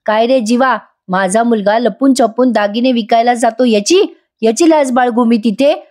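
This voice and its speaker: A woman voicing an angry, stern father who shouts and accuses his son. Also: fairly high pitch, moderate pace, pitched above the performer's own voice, natural voice. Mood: angry scolding.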